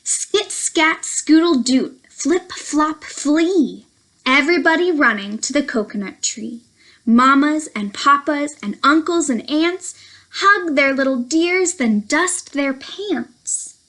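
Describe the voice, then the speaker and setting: Hosting a children's storytime, a young woman reads a picture book in a slow, lilting, highly animated way, dropping into playful whispers now and then. She has a high voice, and the recording is rough.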